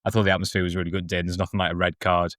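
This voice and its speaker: A man's voice: deep voice, little pitch movement, racing, a bit bright, no echo, studio quality. A man speaking casually as a guest football journalist, giving his view of a match.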